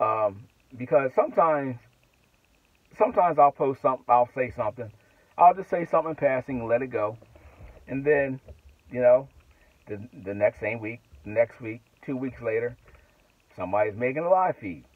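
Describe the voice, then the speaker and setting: Middle-aged man, trucker vlogger, rambling casual talk, husky voice, tinny phone-like audio. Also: mid-range voice, no room sound. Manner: rambling, with restarts and asides. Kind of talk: casual monologue to camera. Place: inside a truck cab at night.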